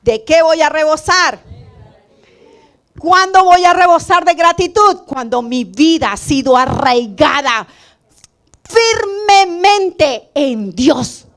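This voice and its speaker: High-voiced woman preaching with call-and-response. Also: takes it slowly. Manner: animated call-and-response preaching, asks the congregation questions; cries out loudly when quoting pleas. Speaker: pastor. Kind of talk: sermon. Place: church service with congregation.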